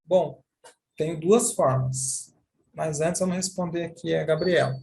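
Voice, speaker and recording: Brazilian male teacher, unhurried, methodical explainer. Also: a little high, vocal fry, a little mellow, slight background noise. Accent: Brazilian Portuguese. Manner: slow, deliberate, explains with repeated examples. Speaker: sign language teacher. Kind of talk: online class explanation.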